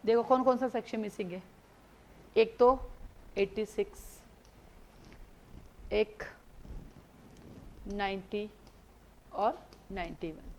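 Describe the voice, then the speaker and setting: A woman teaching a live law class, explaining through lively everyday stories, mixing Hindi with English legal terms and repeating key points for students to note. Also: mid-range voice, takes it slowly, pauses often, a little hiss or hum. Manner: animated storytelling with everyday examples.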